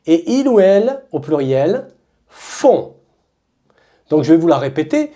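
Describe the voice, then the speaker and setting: This French-accented teacher's voice sits low and warm, and she is very animated as she drills verb conjugations. She delivers each form slowly and emphatically, repeating it for practice.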